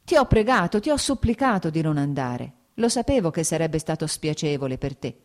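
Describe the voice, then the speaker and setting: A woman's voice: low voice, very animated, fairly quick, a little mellow. A woman reading an audiobook, voicing a young nobleman officer who speaks coldly and curtly. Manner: cold, curt, frowning.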